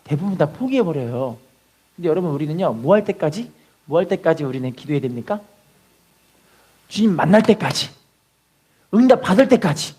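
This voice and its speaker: Male pastor, animated preaching, leads the congregation in repeating lines, husky tone, swooping pitch. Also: fairly quick, long pauses. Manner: animated preaching with call-and-response; cries out acted prayers at a high pitch. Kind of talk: sermon. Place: church sanctuary.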